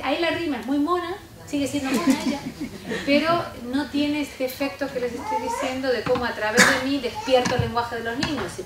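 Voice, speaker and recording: A woman leads a lecture workshop, explaining her points step by step and pausing to check in with the room. Her voice sits fairly high for a woman. It comes from far off the microphone in an echoey hall, with steady background noise. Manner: instructive, often checks in with listeners with a short question tag. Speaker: speaker giving a talk on how adults speak to children. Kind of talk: workshop lecture with spoken demonstrations. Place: lecture room with a live audience.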